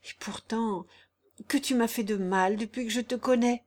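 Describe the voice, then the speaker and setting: A sickly young nobleman, lovesick and anguished, reproachful in every line, as a woman reader voices him. The pitch stays fairly high with raised emphasis. This is storybook acting in an audiobook. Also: steady tone, moderate pace, a little mellow, lightly acted. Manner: impassioned, reproachful. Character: pale, feverish young male baron, lovesick and anguished. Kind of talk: audiobook character reading.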